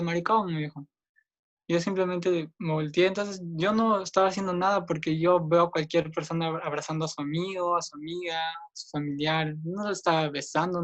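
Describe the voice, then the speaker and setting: A young man with a Peruvian accent telling his own story in an interview, earnest, raising his voice when he acts out what others said. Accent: Peruvian Spanish. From Peru. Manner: earnest, acts out others' lines with raised pitch.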